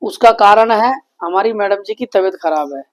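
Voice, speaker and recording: A man's voice: sits high, normal speed. A man in his thirties talks straight to the camera in a casual family vlog. He complains in an indignant tone. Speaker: vlogger, father.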